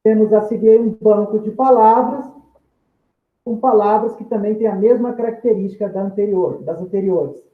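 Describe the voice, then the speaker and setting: A male teacher, giving a recorded grammar lesson in a methodical way, restating each term with synonyms and drawing out example words. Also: high-pitched. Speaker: Portuguese teacher. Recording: echoey room, tinny phone-like sound.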